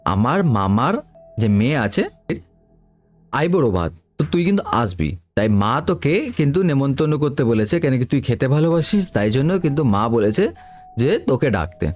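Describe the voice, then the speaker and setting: A man's voice: mid-range voice, expressive, moderate pace, a little mellow, soft background music, lightly acted. A man voicing his teasing, easygoing young male best friend in a told story.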